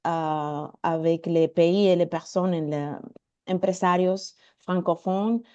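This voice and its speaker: A woman from Mexico with a Mexican Spanish accent, introducing herself informally and apologetically searching for words in a language she speaks haltingly. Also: lowish voice, steady tone, warm tone, clear, resonant tone, lo-fi sound. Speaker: networking meeting participant introducing herself. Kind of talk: informal self-introduction at an online meeting. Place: indoors, video call.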